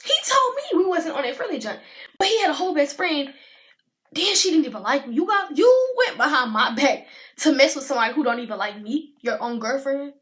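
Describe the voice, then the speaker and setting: A teenage woman, telling a storytime in a chatty, animated way and talking to viewers as y'all. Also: high-pitched, a little fast. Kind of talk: casual storytime vlog.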